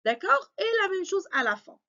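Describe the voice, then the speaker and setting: High, lively woman teaching slowly. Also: creaky, muffled recording. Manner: slow, patient, explains step by step with frequent "alors" and "d'accord". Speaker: French teacher. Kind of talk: spelling lesson.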